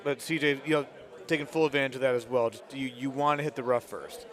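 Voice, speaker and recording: A man commentates live on a golf tournament in a casual, conversational way. His voice sits at a middle pitch. He keeps it low-key, remarking on each shot and player as play goes on. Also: fairly even intonation, fast talker, a bit bright, a faint crowd.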